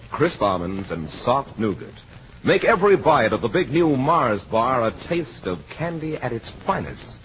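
A man reading a scripted old-time radio advertisement in a measured, emphatic selling manner. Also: medium pitch, a bit bright. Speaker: radio commercial announcer. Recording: dull, noisy vintage radio recording.

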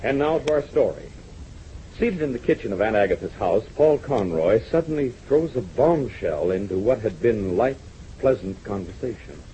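Sounding like an old 1940s radio broadcast, a man narrates and announces a radio serial, earnestly addressing young listeners as "gang." His voice is lowish, warm, and expressive at a moderate pace. The lo-fi audio is dull, with slight background noise.

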